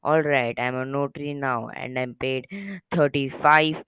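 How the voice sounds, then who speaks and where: A humble, earnest reformed drunkard tells his tale, voiced by a man reading aloud. The voice is smooth and even, with small halting slips. The recording is dry and a little dull. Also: medium pitch, no room sound, lightly acted. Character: shabby humble former drunk clerk, grateful and earnest.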